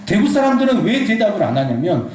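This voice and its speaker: A man in his pastoral role, preaching a sermon in a lively storytelling way and slipping into quoted voices. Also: sits high, quick pace. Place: church sanctuary. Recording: echoey hall, distant mic.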